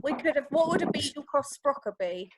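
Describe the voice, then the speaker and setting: Excitable high-voiced woman on a call. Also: a little fast, noisy background. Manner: chatty, excitable, laughs often. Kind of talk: casual group chat on a call.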